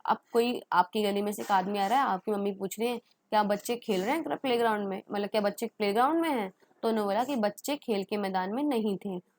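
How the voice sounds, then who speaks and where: A woman teaching English grammar. She explains each rule step by step, says the English example sentences very slowly, and acts out everyday questions in a chatty tone. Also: medium pitch, a little mellow, dry recording. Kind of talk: grammar lesson.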